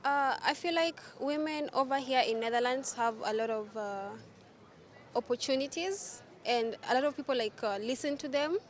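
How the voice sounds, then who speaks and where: A young woman from Kenya answering a street interview outdoors, earnest and relaxed. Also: high-pitched, moderate pace.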